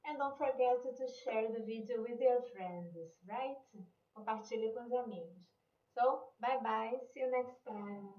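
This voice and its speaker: Brief: woman, Brazilian accent, patient English teacher, slightly high voice, roomy and slightly muffled recording. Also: takes it slowly. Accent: Brazilian Portuguese. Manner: explains patiently, mixes English and Portuguese, frequent "né?" and "ok?". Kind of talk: online language lesson.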